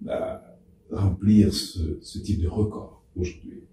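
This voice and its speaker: A man's voice: low-pitched, fairly even intonation, takes it slowly, warm tone. A male journalist asking probing questions and prompting his guest with short interjections. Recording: echoey room, distant mic, faint noise.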